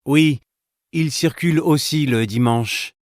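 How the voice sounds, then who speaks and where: Slow, careful man reading short lines. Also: fairly high pitch, no room sound, clean studio sound. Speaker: voice actor in exam dialogue. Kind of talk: scripted dialogue reading.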